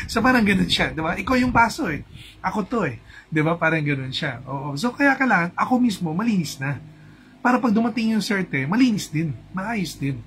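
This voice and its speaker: A chatty Filipino-accented man coaching an audience on feng shui in a loose, casual live talk. His voice sits a little high for a man. A faint hum of room noise runs behind him. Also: poor audio. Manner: chatty, mixes in English, asks "di ba?" often.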